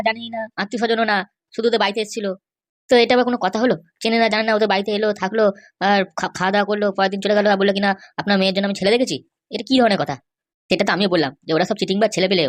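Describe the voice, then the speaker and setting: Woman plays a young cartoon man, fast and rambling, worried. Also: medium pitch, fairly even intonation, close to an everyday voice. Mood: grumbling. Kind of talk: cartoon voice acting.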